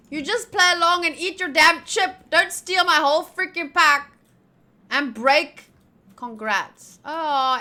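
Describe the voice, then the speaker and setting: A young woman with a high, pushed, bright voice streams a visual novel, chatting casually in a playful, sweary, slangy way while reading the game's lines aloud.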